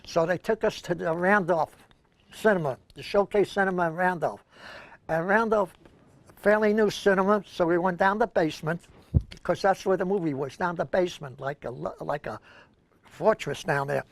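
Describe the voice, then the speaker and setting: On a dry, poor-quality recording, an older Brooklyn native with a creaky voice that sits high speaks at a moderate pace. He co-hosts a senior news show, swapping rambling, anecdotal memories in casual conversation.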